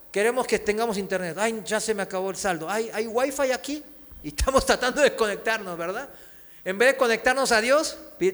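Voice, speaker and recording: A man preaching a sermon, telling a story with lively acted-out cries and chuckles. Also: sits high. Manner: animated storytelling, acts out cries and laughs. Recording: long hall reverb.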